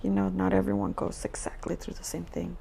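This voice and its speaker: A woman's voice: medium pitch, level tone, vocal fry, warm tone, slight background noise. A woman in her twenties co-hosting a podcast, chatting casually and chiming in agreeably. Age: 20s. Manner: friendly, agreeable, quick supportive interjections. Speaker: podcast co-host. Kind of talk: casual chat.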